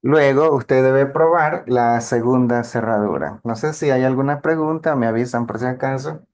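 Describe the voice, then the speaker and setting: A man's voice: medium pitch, normal speed, a little mellow. A man gives a math lecture, working through each step patiently. He keeps checking in with his listeners as he goes, in a plain teaching voice. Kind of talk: lecture on linear algebra.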